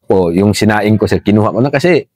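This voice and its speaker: A middle-aged man, a former rebel fighter appearing as an interview guest, tells his story conversationally and deferentially, often calling the host sir. His low-ish, darkish voice is expressive and fairly quick, with no room sound.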